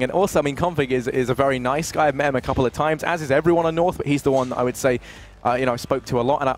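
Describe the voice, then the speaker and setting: Quick-talking male esports analyst. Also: medium pitch, a little hiss or hum. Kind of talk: casual broadcast analysis chat.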